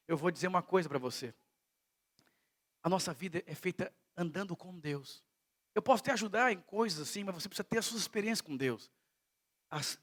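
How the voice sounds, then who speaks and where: A male pastor from Brazil preaching a sermon in a church service, telling stories and swinging between hushed and loud delivery. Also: a little high.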